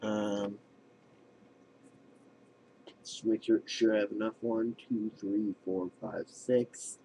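A teenage boy chatting casually to a webcam at home in a hesitant, halting way. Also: on the low side, fairly even intonation, gravelly. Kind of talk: casual vlog chat. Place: room at home, indoors. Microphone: webcam at arm's length. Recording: faint noise and clicks, webcam audio.

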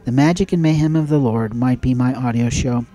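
An emphatic, preachy man delivers a monologue on his own audio show. His voice is dark and mellow, sitting at an ordinary pitch. He builds his points with repeated phrases. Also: a little fast, poor audio. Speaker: podcast host. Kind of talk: spoken opinion monologue.

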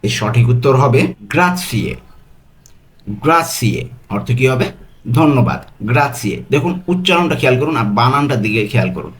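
Man teaching phrases slowly, word by word. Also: medium pitch, sing-song. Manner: explains slowly word by word, repeats each phrase; says the foreign phrases very slowly and carefully. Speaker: language teacher. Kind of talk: quiz-style language lesson.

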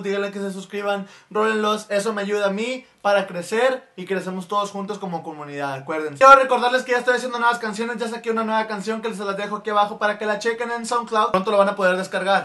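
A Mexican man telling jokes in a vlog, animated and full of crude slang. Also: high voice. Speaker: vlogger. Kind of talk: joke-telling comedy vlog.

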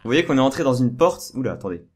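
A man with a hoarse, worn-out voice giving casual, excited gameplay commentary and repeating words in quick bursts. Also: medium pitch. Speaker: let's play host. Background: video game music.

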